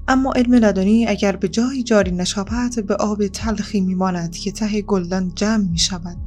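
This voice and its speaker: A woman reading an audiobook in a calm, measured storytelling voice with unhurried pauses. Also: mid-range voice. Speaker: audiobook narrator. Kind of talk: scripted audiobook narration.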